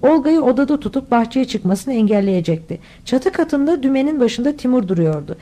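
A woman's voice: sits high, animated, brisk, warm tone. A woman reading a children's adventure novel aloud as an audiobook, voicing all the characters herself. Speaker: audiobook reader. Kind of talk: scripted audiobook narration.

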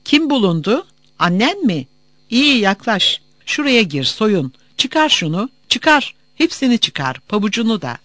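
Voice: medium pitch, sing-song, unhurried, a bit bright, no echo, clean studio sound, voice pushed up. A reader voicing a contemptuous male border customs officer who barks orders and sneers at travelers, in an audiobook. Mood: commanding. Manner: barking, sneering, scornful.

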